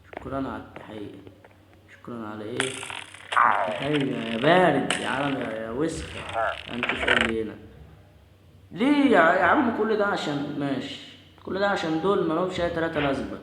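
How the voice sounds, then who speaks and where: Egyptian guy gaming, keeps yelling the same words over and over, echoey room, lots of noise behind him. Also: mid-range voice. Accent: Egyptian Arabic. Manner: excitable, yelling orders at the game, frequent repeated words. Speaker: gamer. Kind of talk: live gameplay commentary.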